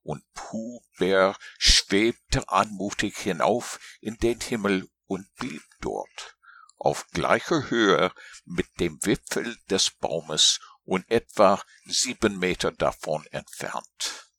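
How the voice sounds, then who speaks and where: Deep gravelly man reading a storybook. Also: animated, slow, fairly bright tone, dry recording. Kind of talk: storybook read-aloud.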